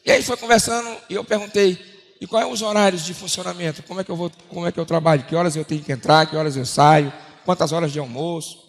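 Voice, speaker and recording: Man, from Brazil, sermon testimony, storytelling, acts out dialogue, fairly high voice, long reverb. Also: steady tone, quick pace, gravelly. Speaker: preacher giving testimony.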